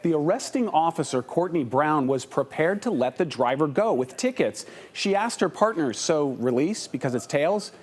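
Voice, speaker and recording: A man's voice: fairly high pitch, expressive, moderate pace, few pauses. A man delivering an investigative television news report in a scripted broadcast style.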